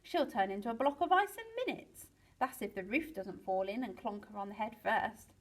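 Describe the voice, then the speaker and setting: A woman voicing a portly, kind male penguin adventurer who talks in a gentle, fussy, earnest way in a storybook reading. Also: a little high, expressive, normal speed. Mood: determined.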